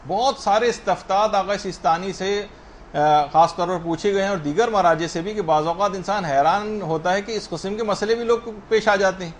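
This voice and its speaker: This religious teacher has a high male voice, accompanied by slight hiss or hum. Teaching prayer rulings, he works through them step by step, poses and answers his own questions, and slowly spells out how words should be pronounced.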